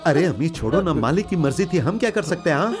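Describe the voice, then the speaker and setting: A man dubbing a brash, street-smart young auto driver who talks loudly with animated banter. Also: on the high side, fast, music in the background. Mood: consoling. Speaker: auto-rickshaw driver tenant.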